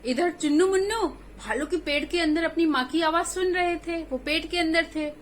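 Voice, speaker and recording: A woman's voice: extremely high pitch, normal speed, slight background noise. A woman narrating a children's story in a simple, chatty way, speaking directly to young listeners. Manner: simple, chatty telling to kids.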